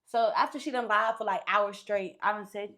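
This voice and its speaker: A woman's voice: mid-range voice, normal speed. A woman guest on a podcast, casually telling a long story with profanity and acted-out quotes. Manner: animated, profane, acts out quotes.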